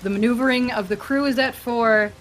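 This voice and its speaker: A woman narrating as game master of a tabletop game, describing scenes in a lively, vivid way. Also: on the high side, a little fast, slight background noise, poor audio.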